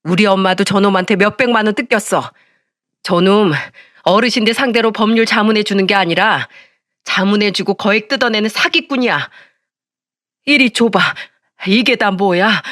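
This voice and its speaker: A woman's voice: medium pitch, moderate pace, fairly bright tone, no echo, close to an everyday voice. A blunt, bossy middle-aged woman friend, put on by a female narrator scolds in a brash, accusing voice. The sound is dry and close, with no room around it. It comes across as a story read aloud. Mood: scolding.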